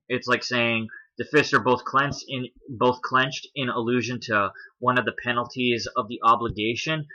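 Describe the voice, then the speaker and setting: This video commentator's voice is medium-pitched, pushed and bright, heard in a low-quality recording. He casually explains what's shown in the images point by point, spelling out letters and frequently adding "if you will."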